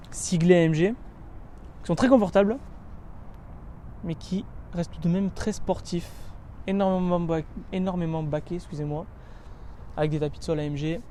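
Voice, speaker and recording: Over a little hiss or hum, a car reviewer with a fairly high voice gives a casual walkaround of a car. He describes it chattily, listing one feature after another linked by lots of "donc"s and "euh"s, and he dwells eagerly on his favorite parts.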